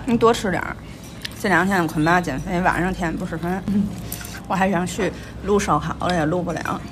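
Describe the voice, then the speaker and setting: Eating in a small, packed restaurant, a woman with a Tianjin accent speaks at a moderate pace in a fairly low voice, casually chatting as a food vlogger about every bite. The clattery din of the place comes through in the recording.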